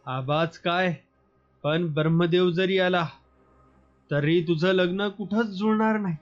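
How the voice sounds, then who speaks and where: A man voicing a hot-tempered young village man who speaks gruffly and scornfully to his sister. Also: sits high, slow pace. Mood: angry, scornful. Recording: slightly muffled, soft background music.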